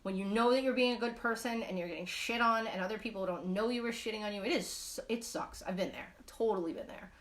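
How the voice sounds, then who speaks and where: A woman's voice: medium pitch, quick pace, few pauses. Blunt, foul-mouthed New woman. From Brooklyn, New York. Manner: blunt and profane, rambling with many fillers. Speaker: knitting live-stream host. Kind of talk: casual live-stream chat.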